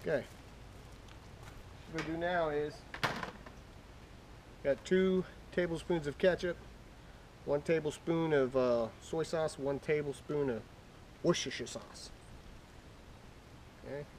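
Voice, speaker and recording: A man's voice: on the high side, fairly even intonation, measured pace, long pauses, a little mellow. Male cooking show host, casual, noisy recording. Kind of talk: casual cooking demonstration, talking through each step. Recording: clearly noisy background with clicks.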